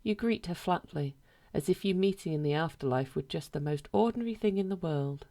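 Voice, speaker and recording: Reading aloud from a short story, this female narrator speaks in a pitch that sits low for a woman. Her pacing is measured, and she never breaks from a flat, deadpan tone.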